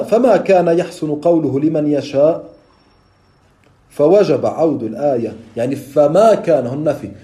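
Guy giving a lecture, repeats himself a lot, stalls on long fillers, mellow low-toned voice, roomy echo. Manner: repeats points and pauses on drawn-out fillers. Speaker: teacher of theology. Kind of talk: explanatory lecture on a classical text.

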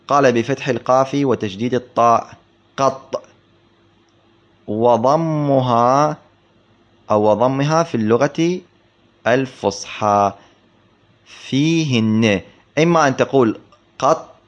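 A man reads from a grammar text and comments on it line by line, in a measured classroom voice at a middle pitch. He slows down to repeat key words and asks his students questions. The recording sounds dull and lo-fi. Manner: slow, explanatory, repeats words for emphasis, asks rhetorical questions. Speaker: teacher of Arabic grammar.

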